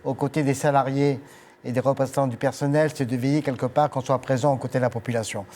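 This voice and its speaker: A man's voice: mid-range voice, fairly even intonation, fast, darkish tone, a little hiss or hum. An older man being interviewed on TV as a departing director, speaking formally with frequent hesitations. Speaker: guest, agency director. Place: TV studio.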